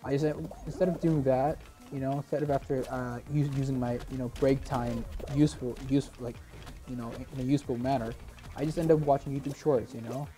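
A young man talks in a casual gameplay commentary, nervous and stuttering as he restarts his phrases. His voice is very dark and mellow at a middling pitch. Faint music plays behind him. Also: fairly even intonation, brisk. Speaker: vlogger.

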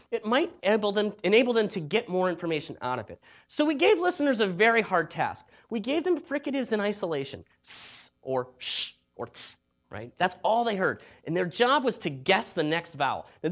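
A middle-aged university researcher gives an academic lecture in a hall, his high-pitched voice lively and conversational, with joking asides thrown in.

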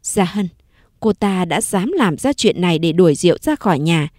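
A woman's voice: lowish voice, normal speed, dry recording. Woman reading a story aloud, voice swoops up and down, acts out the lines, dry close mic. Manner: lively, acts out the characters' dialogue. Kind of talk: scripted audiobook narration.

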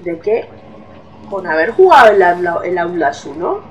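A woman's voice: fairly low pitch, big pitch swings, normal speed, recorded from a distance, muffled recording. A woman with a Spain accent giving casual horror game commentary, swearing often and easily startled. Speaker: gameplay streamer.

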